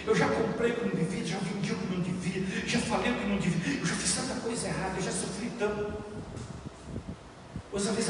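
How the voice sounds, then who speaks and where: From a distant mic in an echoey church hall, with background noise, a Brazilian male pastor with a high-pitched voice preaches a sermon. His Brazilian Portuguese-accented delivery is impassioned and keeps rising.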